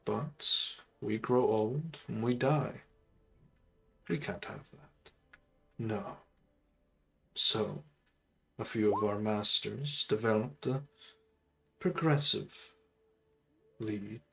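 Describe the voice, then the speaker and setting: A man voicing an undead male sorcerer lord in a tabletop game, speaking in a measured, grandiose way. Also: on the low side, creaky, a bit bright, exaggerated voice, rough recording. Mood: solemn.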